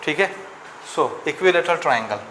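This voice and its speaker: A man teaches physics to a class in a slightly high voice, working numbers out aloud and asking students for answers. The room is echoey, with faint noise behind him. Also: expressive, moderate pace, a bit bright. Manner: asks students questions, works sums aloud. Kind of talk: classroom lecture.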